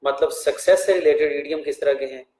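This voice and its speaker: A man, a teacher answering students' exam questions in a relaxed live question-and-answer session. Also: a little high, fairly quick, reverberant, a little hiss or hum, low-quality recording. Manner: relaxed, reads out questions and answers them in turn.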